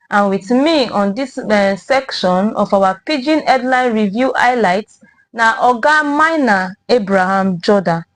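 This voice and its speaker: A woman's voice: on the high side, no room sound. A woman with a Nigerian accent anchoring a conversational headline review in Nigerian Pidgin, dotting her phrases with "o" tags.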